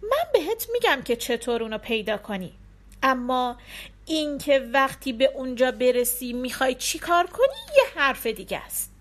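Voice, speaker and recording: A woman's voice: high-pitched, sing-song. A woman doing a shaky-voiced toothless old crone. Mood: kindly. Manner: trembling voice. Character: bent, toothless old beggar woman, kindly.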